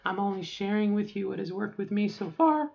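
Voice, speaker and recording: Woman, 40s, casual vlog advice, self-correcting and rambling, mid pitch, slightly muffled recording. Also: lively intonation, a little fast, creaky. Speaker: vlogger.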